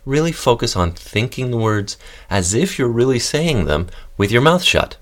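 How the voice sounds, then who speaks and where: A man hosting a podcast voice lesson, calmly guiding listeners through breathing, fuffing and humming exercises. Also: medium pitch, normal speed. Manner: calm, guiding instructions with demonstrations. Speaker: voice and text coach.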